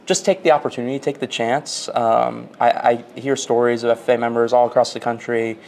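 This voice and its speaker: A man's voice: mid-range voice, steady tone, brisk, gravelly, a little mellow. A young man from Florida, a national student officer, answering interview questions in an earnest, friendly way with many fillers, recorded in a large hotel hall. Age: young adult.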